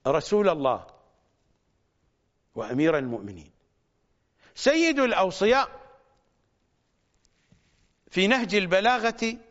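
A man preaching a religious sermon, stressing points by repeating phrases and stretching words out slowly. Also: high voice, a bit bright. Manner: slow, drawn-out words for emphasis. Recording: dull lo-fi recording.

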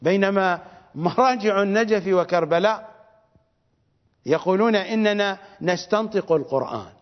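A man's voice: high voice, normal speed. A man with an Iraqi Arabic accent giving a religious lecture as a cleric, fiery and scornful, repeating phrases for stress. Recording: reverberant dull lo-fi recording.

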